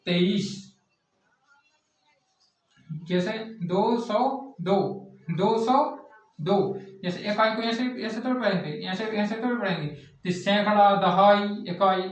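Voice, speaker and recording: A male teacher drilling a math lesson, asking questions and answering them himself in a repetitive classroom style. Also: sits high. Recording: echoey distant lo-fi classroom recording.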